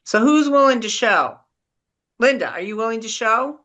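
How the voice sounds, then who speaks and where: A woman's voice: on the high side, lively intonation, normal speed, fairly bright tone. A woman leading an online drawing class, chatty and encouraging as she calls on students to share their work. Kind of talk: casual online class chat.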